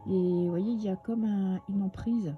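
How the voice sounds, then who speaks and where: A woman's voice: mid-range voice, steady tone, moderate pace, dull audio, soft background music. A woman with a French accent giving a casual, chatty tarot reading to her viewers, with many fillers and restarts. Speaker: tarot reader.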